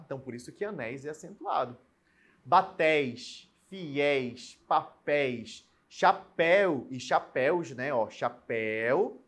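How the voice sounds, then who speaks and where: A man teaching a recorded grammar lesson, explaining rules step by step and checking in with his students. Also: a little high. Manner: explanatory, repeats and stretches out example words; checks in often with "né?" and "beleza?".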